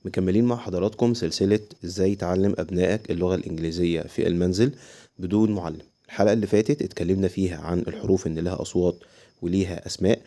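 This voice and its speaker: A man with an Egyptian Arabic accent teaching English vowels, asking and answering his own questions and sounding out letters slowly. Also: low-pitched, steady tone, mellow. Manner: explains step by step, asks and answers own questions. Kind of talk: home-learning lesson for parents.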